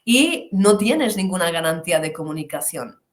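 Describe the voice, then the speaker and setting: A woman teaching pronunciation in an online class, animated, slowly stretching the model words she demonstrates. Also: fairly low pitch, roomy sound.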